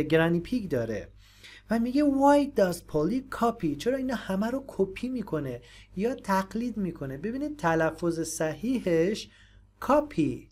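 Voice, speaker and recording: A woman with Persian as her first language, teaching English and patiently explaining phrases, repeating them slowly. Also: on the low side, mellow.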